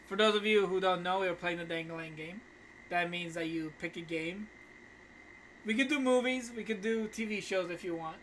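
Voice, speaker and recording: A man's voice: high voice, moderate pace, fairly bright tone, slight background noise. A young man co-hosting a podcast in casual, slangy chat, laughing often. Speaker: podcast co-host.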